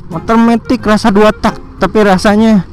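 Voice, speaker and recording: A young man's fairly high voice keeps an even intonation at a normal speed while he rides a motorcycle through city traffic, with faint music behind him. The motovlogger chats and jokes to himself in slangy casual commentary, teasing the other riders around him.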